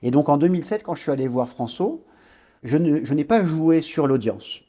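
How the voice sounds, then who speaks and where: Warm-voiced man telling his story. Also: fairly high pitch, expressive, moderate pace. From French Guiana. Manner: reflective storytelling, frequent hesitations and restarts. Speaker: guest entrepreneur. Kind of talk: podcast interview.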